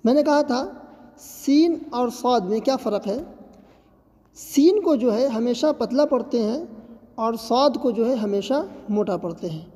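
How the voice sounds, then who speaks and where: A woman's voice: a little high, animated, dark tone, big-room sound. A woman teaching a tajweed lesson, explaining patiently and reassuringly, and drawing out each letter sound as she demonstrates it. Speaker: Quran recitation teacher.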